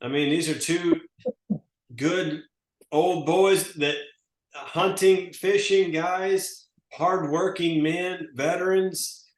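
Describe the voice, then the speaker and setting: A network marketing presenter in his forties gives a casual testimonial, rambling folksily and often correcting himself. His voice is on the high side, slow and fairly even, in an echoey room.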